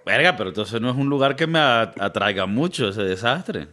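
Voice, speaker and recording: A man's voice: medium pitch, lively intonation, fairly quick, sharp tone. A man co-hosting a podcast, making dry jokes in mock-formal phrasing. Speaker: podcast co-host. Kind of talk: casual chat.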